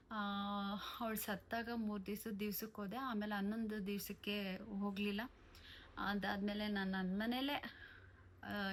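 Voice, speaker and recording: A woman telling a personal story of betrayal, aggrieved and emotional, with pauses and restarts. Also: mid-range voice. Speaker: vlogger. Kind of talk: personal testimony to camera.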